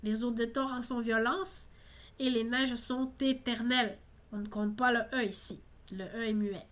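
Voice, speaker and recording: A woman's voice: fairly high pitch, fairly even intonation, a little slow, a bit bright. A woman teaching a song lesson, explaining lyrics patiently and often adding "hein". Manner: explanatory, frequent tag "hein". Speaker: French teacher.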